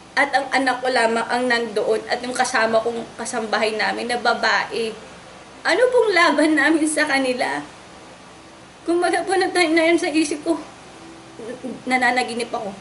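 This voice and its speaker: A young woman giving an emotional, distressed testimony, polite and halting, often repeating herself. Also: on the high side, fairly bright tone, a little hiss or hum. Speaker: wife recounting a raid on her home.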